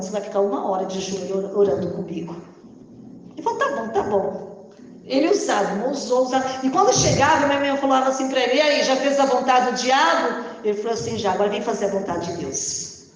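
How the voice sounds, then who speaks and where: Fervent woman preaching in echoing hall. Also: fairly high pitch. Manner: storytelling, quoting dialogue, rising to fervent shouts. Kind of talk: sermon with testimony. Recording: echoey hall with long reverb.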